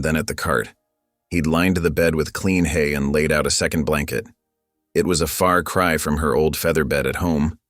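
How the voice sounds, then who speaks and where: A man with an extremely deep, low voice narrates a story in a calm, measured way. The recording is close and dry. Soft music plays faintly underneath. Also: no room sound. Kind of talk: scripted narration.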